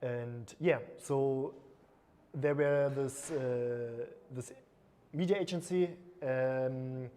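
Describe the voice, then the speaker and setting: A man's voice: mid-range voice, extremely slow, warm tone. A man who is a creative director and agency co-owner, speaking on a panel in a casual way, full of fillers like "like" and "uh". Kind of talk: panel talk. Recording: long hall reverb.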